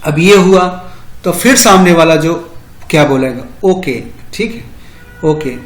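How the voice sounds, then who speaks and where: A man teaching beginner English in a slow, deliberate way, with a voice set a little high for a man. He gives each phrase in Hindi, then repeats the English version again and again, often stopping with "ठीक है". The room is echoey and reverberant. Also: expressive. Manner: frequent "ठीक है" fillers. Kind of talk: spoken English lesson.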